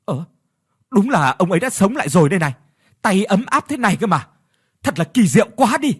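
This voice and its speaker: A man voicing an astonished villager, exclaiming excitedly. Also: high-pitched, a little fast, breathy edge, voice pushed up, exaggerated voice. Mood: amazed.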